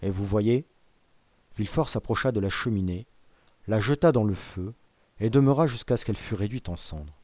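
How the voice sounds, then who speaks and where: A man narrating a classic novel in a measured, composed way. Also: lowish voice, animated, a little mellow, no room sound. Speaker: audiobook reader. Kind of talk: scripted literary narration.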